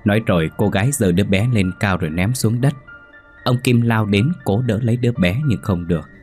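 A man narrating a scripted ghost story in a steady, measured way. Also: lowish voice. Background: faint background music.

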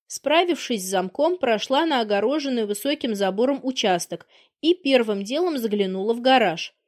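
A woman narrating an audiobook with an even, storytelling delivery. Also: fairly high pitch, moderate pace. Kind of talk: scripted narration.

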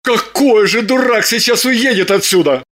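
A woman voicing an excitable, suspicious man with agitated exclamations. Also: a little high, moderate pace, lightly acted. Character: excitable, suspicious young-ish man, her lover.

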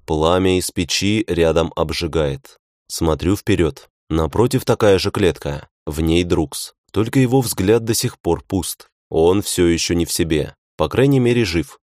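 Low-voiced male audiobook narrator. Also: a little mellow, no echo, studio quality. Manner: tense, wry inner monologue. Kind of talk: first-person audiobook narration.

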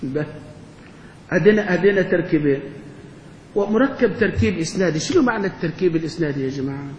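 High-voiced sheikh lecturing in echoey hall. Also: male voice, animated, quick pace, a little mellow. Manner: asks the class questions and answers them himself. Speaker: sheikh teaching grammar. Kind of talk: classroom lecture. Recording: echoey hall, dull lo-fi sound, faint hum.

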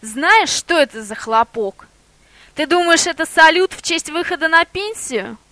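A sly male boar coaxes and argues in a lively, theatrical way, as a woman puts him on. The voice sits high and sounds bright and close, with no room sound. It plays like a spoken storybook. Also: a little slow, dry recording, heavily acted. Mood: urgent. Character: sly male boar in disguise, persuasive, bold.

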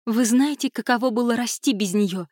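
A woman reading an audiobook, voicing a distraught young woman who shouts accusations through tears. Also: fairly high pitch, moderate pace, dry recording, clean studio sound, pitched above the performer's own voice, natural voice. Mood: furious, tearful.

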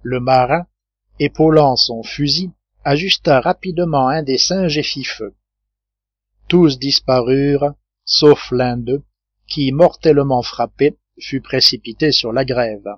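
A man reading a classic novel aloud as an audiobook narrator, in a steady measured manner. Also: medium pitch, husky, no echo. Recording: dull dry lo-fi recording.

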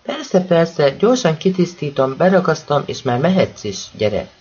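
A man voicing a gentle, fatherly older man with a soft, coaxing way of speaking. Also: a little high, sing-song, husky, muffled recording.

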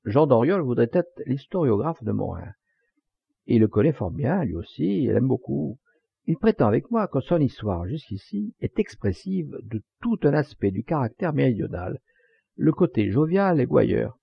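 A man reading the part of a talkative, enthusiastic gentleman with a declamatory manner. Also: medium pitch, very animated, moderate pace, vocal fry, slightly rough, heavily acted. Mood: declaiming. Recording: dull lo-fi dry recording.

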